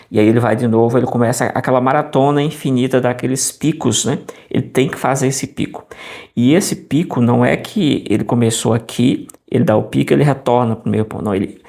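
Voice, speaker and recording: A man with a gravelly, creaky edge to his mid-pitched voice talks through his views in a relaxed, conversational way. He often restarts phrases and checks in with his listener through tag questions. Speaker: commentator on preaching. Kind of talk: casual spoken commentary.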